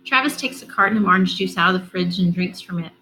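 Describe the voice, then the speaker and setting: A woman reading a first-person children's novel aloud in a steady, expressive voice. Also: on the low side, fast, a little hiss or hum, rough recording.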